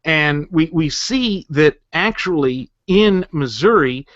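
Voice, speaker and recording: A man's voice: a little high, expressive, slow, fairly bright tone, no room sound. A man co-hosting a political talk show, arguing his points earnestly and building them with rhetorical questions. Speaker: co-host. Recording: dull muffled lo-fi audio.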